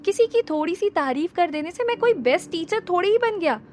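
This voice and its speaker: A woman voicing a playful young male teacher who teases his mother, in a lively, joking manner. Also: very high-pitched, fairly quick, a little hiss or hum, voice pushed up. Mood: teasing. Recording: music playing under the voice.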